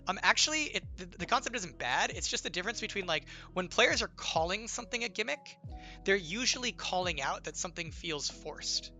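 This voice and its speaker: A young game designer chats casually with stream viewers in a livestream Q&A, rambling through explanations packed with "like" and "right?" and teasing playfully. His voice sits high, animated and a little fast, with a sharp tone slightly strained from illness, over soft background music.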